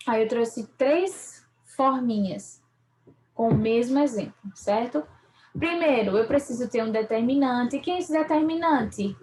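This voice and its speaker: A woman teaches slowly, taking her time over every word. Her voice sits a little high, and she often pauses to check that her students follow. It is a patient review lesson talked over slides. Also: slight background noise, rough recording. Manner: patient, repeats and checks with "certo?" and "ok?". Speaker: English teacher.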